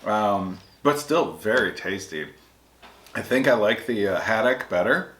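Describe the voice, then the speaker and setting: A man's voice: on the low side, expressive, measured pace, a bit bright. An American man giving laid-back, agreeable comments in a casual food taste test. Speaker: food review vlog co-host. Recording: echoey room with background noise.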